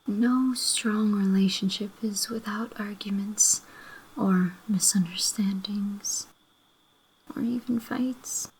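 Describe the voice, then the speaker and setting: A woman playing a loving, apologetic girlfriend in a breathy whispered role-play, gently making up after a fight. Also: medium pitch, steady tone, takes it slowly, a little hiss or hum, poor audio. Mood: soft, reassuring. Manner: gentle, reconciliatory, making up tenderly.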